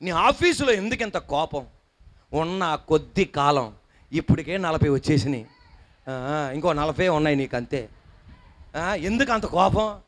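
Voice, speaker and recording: A man's voice: fairly high pitch, expressive, unhurried, pauses often. A man preaching a sermon to a church congregation, emphatic, firing questions and coaxing the listeners to respond. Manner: coaxes the congregation to repeat and smile. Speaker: pastor. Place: church hall before a congregation.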